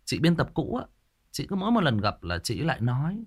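A man's voice: on the high side, wildly swooping pitch, fairly quick, slightly rough. A man from Vietnam, hosting a ghost story channel and chatting emphatically with his listeners. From Thai Nguyen, northern Vietnam. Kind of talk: casual chat to listeners.

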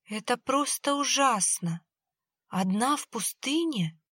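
A woman's voice: sits high, animated, takes it slowly, sharp tone, slightly rough, no room sound, clean studio sound, voice pushed up, full character voice. Woman doing a dreamy little girl in a trance. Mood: dreamy, faint.

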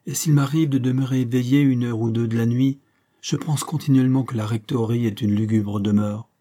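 A man voicing a shy, sad young woman in an audiobook, speaking slowly and wistfully. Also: medium pitch, steady tone, warm tone, lightly acted. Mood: melancholy. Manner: slow, wistful, plaintive. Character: timid melancholy young woman.

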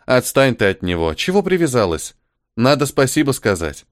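A man's voice: medium pitch, very animated, normal speed, no room sound, natural voice. A dry, sarcastic young archer woman, voiced by a man. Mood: annoyed.

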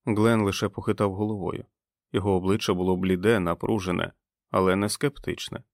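A man reading a novel aloud as an audiobook narrator, in a measured, expressive way. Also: deep voice, no echo, studio quality. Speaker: audiobook reader. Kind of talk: scripted narration.

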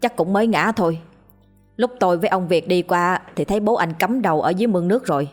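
A woman voicing a village man explaining plainly and quickly what he found. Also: on the low side, faint music behind, natural voice.

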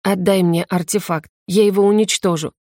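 A jealous young male mage, read by a woman in her own voice, tense and pressing. Her pitch stays at a middle level. The sound is dry, with no room echo. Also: fairly even intonation, normal speed, a little mellow, natural voice. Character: young man, jealous and desperate student mage. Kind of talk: audiobook character reading.

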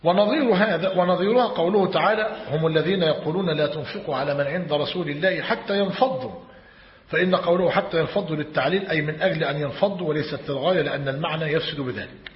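A man's voice: on the high side, racing. A man teaching a religious lesson. He reads a commentary aloud and explains it. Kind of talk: lecture on creed. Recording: echoey hall, muffled lo-fi.

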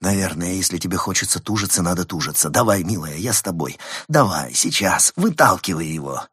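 A man's voice: low voice, lively intonation, fairly quick, fairly bright tone, breathy edge, no echo, clean studio sound, full character voice. A man reading an audiobook and voicing an anxious husband who urgently coaxes his wife through childbirth. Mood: urging. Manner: urgent, coaxing.

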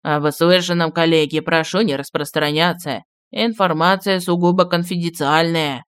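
Чтец изображает старого отставного маршала, медленно, глухо, с ностальгией, звук сухой. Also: male voice, clear, resonant tone, dry recording, studio quality, natural voice. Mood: confiding. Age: older. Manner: slow, low, grumbling reminiscence. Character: old retired marshal, gruff, nostalgic, secretive.

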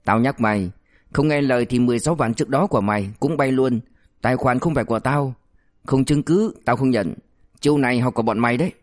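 A man's voice: medium pitch, fast talker, natural voice. A man voicing a cynical male cop who threatens and mocks a suspect. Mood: scheming. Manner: mocking, threatening, crude. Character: cynical, bullying male cop, sly and menacing.

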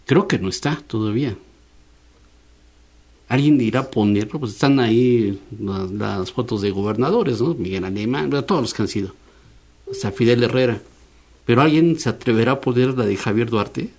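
A man's voice: medium pitch, lively intonation, normal speed, darkish tone. Mexican guy hosting radio chat, keeps tossing in little questions, mid voice. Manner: chatty, frequent tag questions. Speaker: radio host. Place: radio studio.

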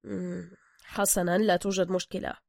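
A woman's voice: medium pitch, steady tone, racing, no room sound, clean studio sound, close to an everyday voice. Woman doing a stiff American tourist man. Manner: stiff formal speech.

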